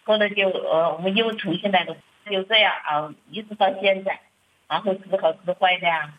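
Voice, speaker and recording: A woman's voice: medium pitch, brisk. A middle-aged woman, a church member, telling her family troubles in a hesitant, plaintive way, often repeating words and restarting. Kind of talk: halting personal account. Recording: muffled lo-fi recording.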